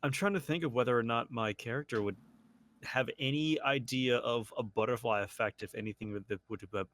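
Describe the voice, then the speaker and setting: A man's voice: medium pitch, a little fast, a bit bright. A man playing a tabletop role-playing game, talking casually and trailing off while he thinks. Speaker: player.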